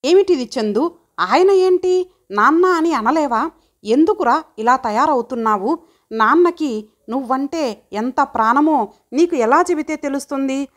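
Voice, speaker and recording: A woman's voice: high-pitched, animated, measured pace, pauses often. A woman voicing a caring middle-aged mother who lectures her son in a pleading tone.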